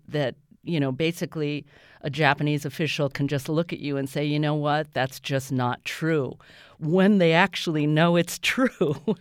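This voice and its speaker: A woman, a stage actor, talking about her role in an earnest, animated way as an interview guest. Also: low-pitched, smooth, dry recording, clean studio sound. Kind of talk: interview talk.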